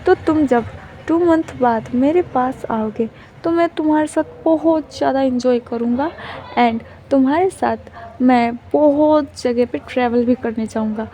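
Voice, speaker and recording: Woman playing a shy innocent young man, sweet, soft, high-pitched, doting, storybook romance. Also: unhurried, slight background noise.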